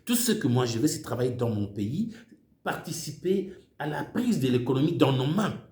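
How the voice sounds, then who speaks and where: In a roomy recording, an older man pitched in the middle range speaks at a moderate pace with a darkish tone and great animation. He's a Congolese political speaker, Swahili by mother tongue, talking in accented French with fervor and repeating words emphatically as he gropes for what comes next.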